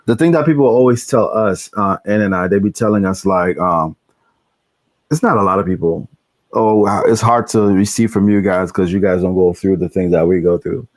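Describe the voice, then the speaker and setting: A low-pitched man co-hosts a relaxed live-stream talk. He jokes easily and circles back, repeating words as he goes. The sound is dry and close, with no room around it. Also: normal speed, no echo. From Haiti. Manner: joking, repeats himself, trails off. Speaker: co-host. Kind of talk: casual live-stream chat.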